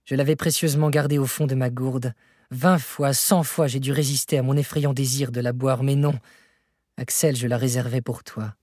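A man's voice: medium pitch, steady tone, moderate pace, darkish tone, dry recording, studio quality, natural voice. A man doing a fierce, stubborn old professor. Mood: tender. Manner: shifts from tender murmur to hard, menacing insistence. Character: fierce obstinate old male professor, explorer.

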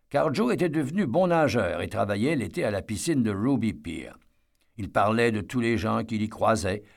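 A man reading a novel aloud as a narrator, in a measured, steady storytelling manner. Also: fairly low pitch, gravelly. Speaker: audiobook narrator. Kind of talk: scripted narration.

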